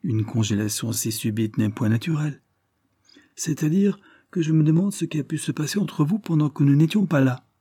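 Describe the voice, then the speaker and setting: A man's voice: on the high side, lively intonation, moderate pace, warm tone, breathy edge, dry recording, studio quality, voice pushed up. A man voicing a witty, mocking friend in a read novel. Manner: ironic, bantering.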